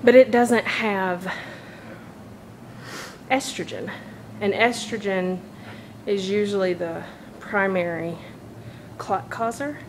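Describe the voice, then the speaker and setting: A woman's voice: medium pitch, takes it slowly, pauses often, slight background noise, rough recording. A woman talking casually and chattily to camera while walking laps, sounding slightly tired. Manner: chatty, informal. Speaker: vlogger. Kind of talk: casual personal vlog talk. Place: walking laps, phone recording.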